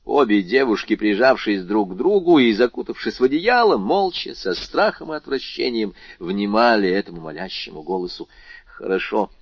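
A man narrating an audiobook with dramatic, expressive storytelling. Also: fairly low pitch, moderate pace, hardly any pauses, slightly rough, no echo. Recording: dull lo-fi recording.

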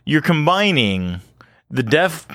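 A man's voice: a little high, sing-song, slow, a bit bright, no echo, clean studio sound. A man co-hosting a podcast, chatting casually with wry jokes and rambling asides full of "like". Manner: wry, joking, rambling with lots of "like". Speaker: podcast co-host. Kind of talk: casual chat.

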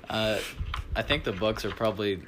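A man's voice: on the low side, noisy background. A young man co-hosting a casual podcast, chatting about football and laughing often. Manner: laughs often, quick interjections. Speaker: podcast co-host.

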